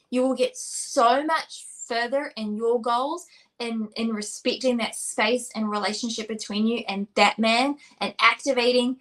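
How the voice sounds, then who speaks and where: Earnest New Zealand woman, slightly high voice. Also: a bit bright. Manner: earnest, rambling with fillers. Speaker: co-host. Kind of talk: casual podcast chat.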